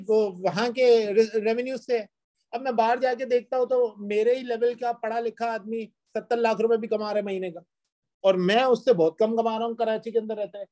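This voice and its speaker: A man's voice: high voice, a little mellow, poor audio. A young male lecturer with a Pakistani Urdu accent talks to his class in a chatty way. He tells stories as he goes and mixes in English phrases. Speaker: teacher.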